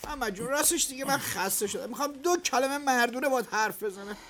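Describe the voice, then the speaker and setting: An actor playing an irritable middle-aged male factory owner in a radio drama, who scolds his workers and quickly flares up. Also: extremely high pitch, a bit bright, a little hiss or hum. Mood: earnest.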